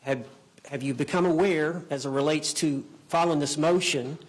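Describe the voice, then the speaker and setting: Male trial attorney, fairly high-pitched, halting courtroom examination with repeated phrasing. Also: low-quality recording. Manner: halting, repeats and rephrases his questions. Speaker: attorney questioning a witness.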